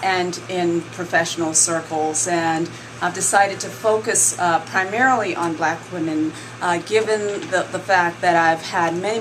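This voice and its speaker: A woman from Barbados, a guest author in a radio interview, speaking earnestly and in measured phrases with frequent fillers. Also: on the low side, background noise.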